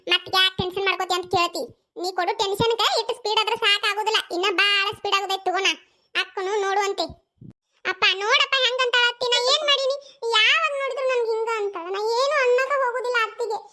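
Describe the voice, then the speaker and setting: A performer doing a squeaky cheeky village girl with a North Karnataka accent. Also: bright, forceful tone. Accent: North Karnataka Kannada. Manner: rapid, teasing and quarrelsome. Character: cheeky sharp-tongued young village woman. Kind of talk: cartoon comedy voice acting.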